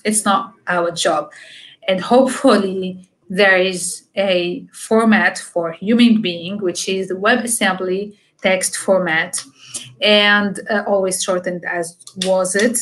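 A young woman gives a tech talk over a video call at an online meetup. Her voice sits at a middle pitch, and she explains things patiently. She keeps dropping in fillers and asking "okay?" as she goes. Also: steady tone, slow, a bit bright, rough recording. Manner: explanatory, many fillers and "okay?" check-ins. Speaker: conference speaker. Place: home room, video call.

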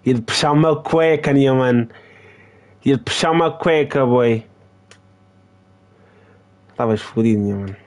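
With a European Portuguese accent, a young streamer narrates his football game in casual, excitable banter that trash-talks and circles back on itself. His voice is medium-pitched and unhurried, with long pauses between bursts.

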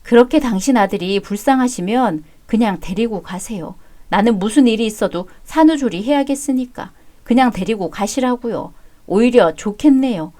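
A woman storyteller reads a dramatic tale, with calm, firm and cool retorts. Her voice is somewhat high-pitched. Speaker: story narrator and reader. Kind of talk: scripted story narration with dialogue.

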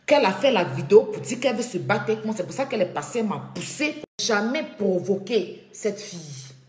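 A woman speaking on a live video from her home, indignant and repeating her points with emphasis. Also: medium pitch. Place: at home, echoing room. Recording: echoey room.

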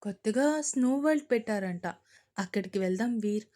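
A woman's voice: on the high side, animated, normal speed, warm tone, natural voice. A woman voicing a strict young mother who scolds and stammers when caught out, in an audio story.

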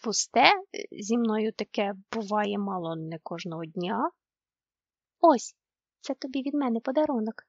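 A woman voicing a brave, eager young male moomin troll in a storybook reading, with excited exclamations. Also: medium pitch, measured pace, slightly rough, dry recording, lo-fi sound. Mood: proud.

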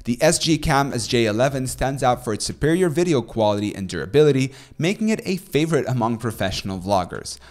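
A young man in his twenties narrating a scripted product review, reading specs and prices in a steady, promotional way, recorded in a small room on a studio boom microphone. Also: a little fast, hardly any pauses.

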